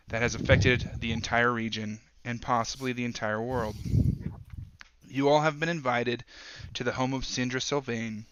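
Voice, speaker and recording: A man narrating as dungeon master for a tabletop game, halting with many ums and uhs. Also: medium pitch, a bit bright, clear, resonant tone, no echo, dull audio.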